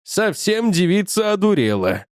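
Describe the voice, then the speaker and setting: A man narrating a comic first-person audiobook in an ironic, animated manner. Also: high-pitched, measured pace, dry recording, studio quality.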